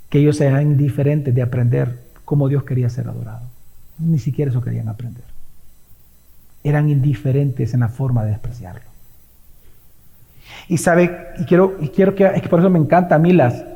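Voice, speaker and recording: A man preaching a Sunday sermon, emphatic, swinging between loud declarations and hushed asides. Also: medium pitch, moderate pace, gravelly, long pauses, highs cut off. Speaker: pastor. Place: church sanctuary. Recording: long hall reverb.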